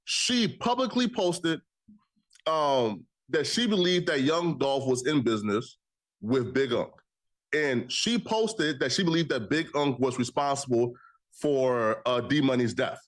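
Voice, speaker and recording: A man's voice: mid-range voice, expressive, measured pace. A man questioning a guest on a podcast, pressing and argumentative as he lays out his case. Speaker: podcast interviewer. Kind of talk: heated casual interview.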